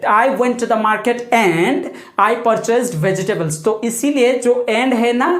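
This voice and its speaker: A woman teaching English grammar in a video lesson, reading English definitions slowly and explaining quickly in Hindi. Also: on the high side, reverberant.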